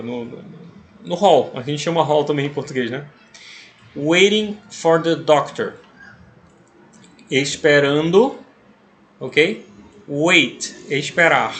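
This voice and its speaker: A man from Brazil teaching English by reading a story aloud and explaining it slowly and patiently, often checking that the listener follows. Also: fairly high pitch, fairly bright tone. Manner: slow and patient, with frequent checking tags. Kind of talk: explaining a text as an English lesson.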